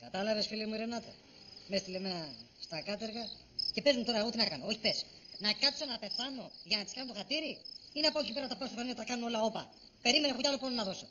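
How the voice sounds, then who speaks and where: A whiny overworked office grumbler. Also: male voice, very high voice, background noise. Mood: complaining. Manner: whiny, complaining, exasperated. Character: grumbling overworked young man, dramatic complainer. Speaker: put-upon office worker. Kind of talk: TV comedy series acting. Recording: dull lo-fi TV audio with music.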